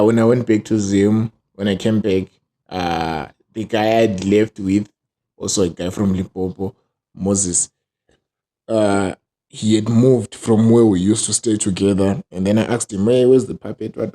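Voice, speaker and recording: A man from Zimbabwe with a Southern African accent, a ventriloquist guest telling casual, animated stories full of slang and acted-out quotes. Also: fairly low pitch, unhurried. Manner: casual, slang-laden, acts out quoted speech.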